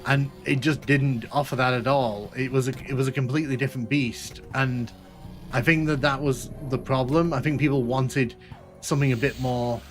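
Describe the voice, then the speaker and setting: A gaming streamer from Northern England with a Manchester accent chats casually to viewers as he plays through a game live, rambling and correcting himself along the way. His mid-range voice has fairly even intonation at normal speed, with game music in the background.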